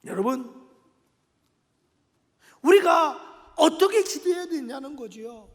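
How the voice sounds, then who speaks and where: Man, pastor, impassioned sermon, very high voice, long church reverb. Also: animated, takes it slowly. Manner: impassioned preaching, swinging from loud cries to low quiet asides; addresses the congregation often, tag questions. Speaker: senior pastor. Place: church sanctuary.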